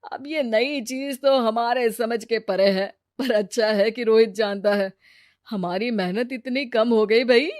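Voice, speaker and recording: A woman's voice: a little high, unhurried, a little mellow, dry recording, clean studio sound, natural voice. A woman voicing an easygoing elderly father who chats cheerfully. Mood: amused.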